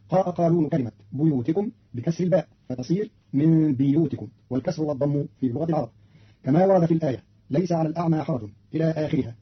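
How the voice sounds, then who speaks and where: A man's voice: fairly high pitch, husky, muffled recording. A man giving a formal, didactic, scripted explanation on an archive radio recording. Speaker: radio presenter explaining readings.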